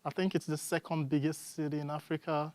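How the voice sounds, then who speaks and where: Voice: mid-range voice, little pitch movement, fairly quick, darkish tone, no echo. A student from Nigeria with a Nigerian accent, chatting as an interview guest and telling stories. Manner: chatty, storytelling. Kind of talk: casual interview answers.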